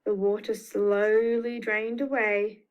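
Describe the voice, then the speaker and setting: Her medium-pitched voice stays level, slow and smooth over lo-fi sound. She's a children's storyteller with an Australian accent, bringing a picture book to life for little ones with expressive, repetitive emphasis.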